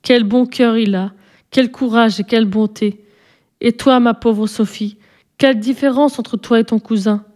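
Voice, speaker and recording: A storybook mother speaks in a measured, gently admonishing way, firm yet kind, voiced by a woman reader. Her voice sits fairly high with a mellow, soft tone. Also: steady tone, lightly acted.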